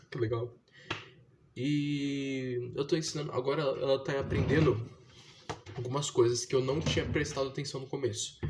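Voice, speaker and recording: A man's voice: mid-range voice, background noise. Chatty young Brazilian man explaining. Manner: chatty, explains step by step, slangy fillers. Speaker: vlogger teaching his younger sister to read. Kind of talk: casual slangy monologue to camera.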